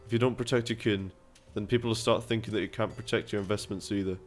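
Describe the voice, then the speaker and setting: A man's voice: on the low side, steady tone, fast talker, soft background music, lightly acted. A man reading a game's dialogue aloud, voicing a scheming middle-aged male town merchant in a persuasive, businesslike way with put-on accents.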